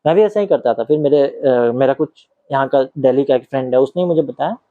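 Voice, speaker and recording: A man from Bihar, India, acting as a teacher, reads an acting book aloud and explains it, moving between careful reading and casual asides while often asking "ठीक है?". His mid-range voice is brisk, and the recording is dull, lo-fi and dry with no room sound.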